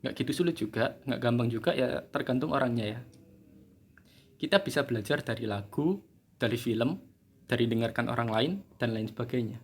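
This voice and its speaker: A man's voice: medium pitch, a little fast, slightly rough. Chatty man teaching English basics. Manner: chatty, joking, laughs at himself. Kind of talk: casual video lesson.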